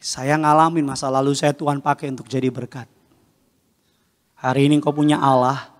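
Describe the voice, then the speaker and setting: A male pastor preaching a sermon in a large church, dramatic and joking, swinging between hushed and loud. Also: medium pitch. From Jakarta, Indonesia. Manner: casual and joking with the congregation. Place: large indoor church, live-streamed service.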